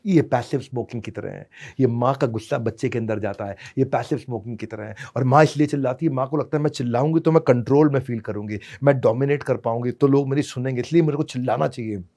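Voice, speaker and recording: A man's voice: mid-range voice, fast, mellow. A man giving a motivational parenting seminar. He speaks theatrically, uses rhyming lines and mixes English into Hindi. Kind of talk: stage seminar talk.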